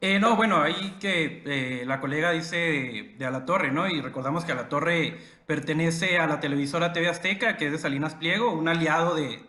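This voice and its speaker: Panelist in an echoey room. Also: male voice, a little high, pushed and bright. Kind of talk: panel discussion.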